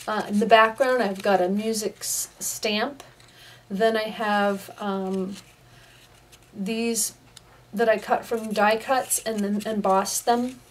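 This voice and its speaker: A woman's voice: medium pitch, distant mic, slight background noise. A woman casually showing her handmade paper crafts to viewers, chatting loosely with frequent ums. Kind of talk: casual craft show-and-tell. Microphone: camera pointed at her hands, away from her face.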